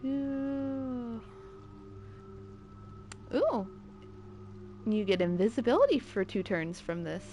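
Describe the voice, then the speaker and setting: A woman's voice: mid-range voice, sing-song, fairly quick, few pauses, mellow, faint music behind. A woman streamer giving casual, playful commentary while playing a game. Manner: chatty, playful asides.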